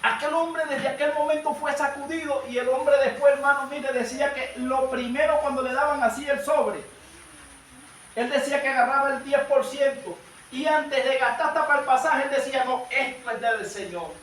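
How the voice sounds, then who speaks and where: A male evangelist with a strikingly high voice delivers a fervent sermon, calling out to his listeners as brothers. He sounds set back from the mic, and a strong echo rolls around the church hall. Faint noise sits underneath. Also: fairly even intonation, moderate pace, a bit bright, recorded from a distance. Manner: fervent preaching, often addresses listeners as brother. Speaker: evangelist preacher. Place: church service.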